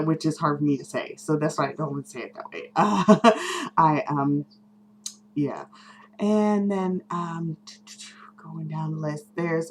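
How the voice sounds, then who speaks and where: A woman's voice: sits low, a little hiss or hum, rough recording. A woman vlogger chatting casually to camera, rambling with lots of fillers, restarts and small laughs. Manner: self-correcting, unsure.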